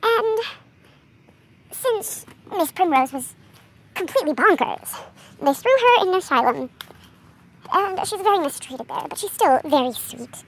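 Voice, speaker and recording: Young woman, high voice, rambling casual vlog talk, faint outdoor hiss. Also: expressive, measured pace, long pauses. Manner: chatty, easily distracted, rambling with fillers. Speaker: vlogger showing her character drawings. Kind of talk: casual chat.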